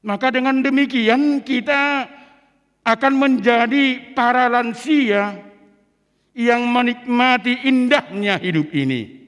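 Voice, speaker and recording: With a very high, smooth voice, slow and fairly bright, an Indonesian pastor gives a sermon in a large church. He alternates between two languages and rises to forceful peaks of emphasis, all heard through the long reverb of the church hall.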